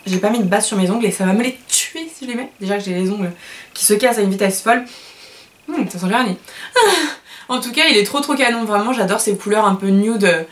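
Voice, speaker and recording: A woman's voice: fairly high pitch, fairly bright tone, slight background noise. A woman beauty vlogger chatting casually while unboxing products, gushing and chatty with many fillers and self-corrections.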